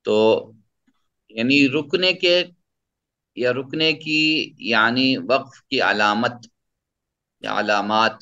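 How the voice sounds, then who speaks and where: A man's voice: mid-range voice, pauses often, sharp tone, muffled recording. Patient man teaching Quran recitation. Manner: patient, explains and repeats points. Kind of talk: tajweed lesson with recitation.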